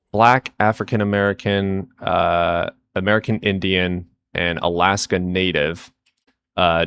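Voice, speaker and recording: A man's voice: low-pitched, a bit bright, slight background noise. A man in a casual debate, speaking hesitantly with many fillers as he reads out statistics. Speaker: caller in a debate.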